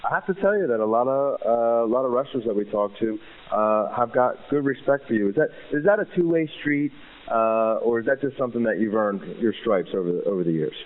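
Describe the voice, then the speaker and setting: Male interviewer, conversational questioning, average pitch, thin radio-phone sound. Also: lively intonation, brisk, phone-quality sound.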